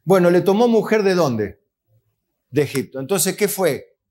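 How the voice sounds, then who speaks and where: A man with a high, sing-song voice, unhurried and a little mellow, preaches as a pastor with an Argentine Spanish accent. He asks the congregation questions only to answer them, and he plays out the voices of God and of believers who complain.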